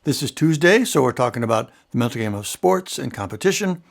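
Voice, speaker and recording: Man, gravelly low-edged voice, calm measured explainer, solo coaching talk. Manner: calm, measured explaining with frequent "right?" asides. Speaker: mental game coach and show host.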